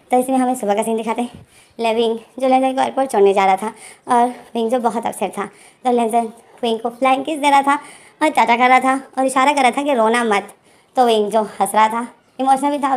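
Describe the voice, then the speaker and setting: Brief: woman storyteller, casual and chatty retelling, voice on the high side. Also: darkish tone. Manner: chatty, with many repeated fillers.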